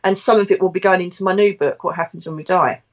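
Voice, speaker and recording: A woman's voice: lowish voice, fast, dull audio. A British woman, a psychic medium, hosting her podcast and telling stories in a chatty, rambling way. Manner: chatty, rambling, lively retelling. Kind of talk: casual storytelling podcast.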